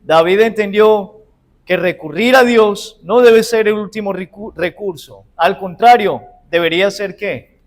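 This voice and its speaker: A Uruguayan man preaching at a deliberate, unhurried pace. He asks his congregation short rhetorical questions, then answers them himself in a raised, fairly high voice. He addresses them warmly as brothers and sisters. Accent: Uruguayan Spanish. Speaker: pastor. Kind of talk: sermon.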